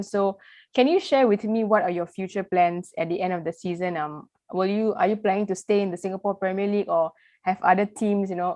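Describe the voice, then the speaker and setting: A woman hosts a casual interview, asking her questions in long, rambling strings full of "you know." Her voice is mid-pitched and sounds dry, with no room around it. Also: dry recording. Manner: chatty, rambling questions with fillers. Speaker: interview host.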